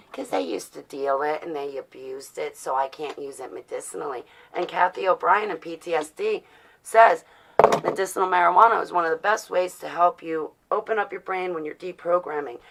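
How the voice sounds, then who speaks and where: In poor audio, a fairly low-pitched, slightly bright female voice speaks at normal speed. She's a forty-something vlogger from New Jersey with an American accent, rambling bluntly and defiantly through casual personal talk and rhetorical questions.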